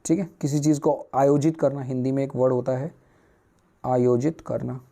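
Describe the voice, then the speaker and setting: A man's voice: medium pitch, level tone, moderate pace, gravelly, warm tone. A man teaching newspaper vocabulary, asking and answering his own questions at a whiteboard.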